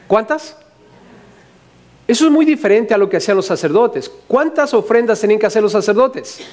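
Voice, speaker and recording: Animated Mexican pastor preaching. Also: male voice, high voice. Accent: Mexican Spanish. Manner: animated, humorous, asks the congregation many questions. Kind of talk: sermon.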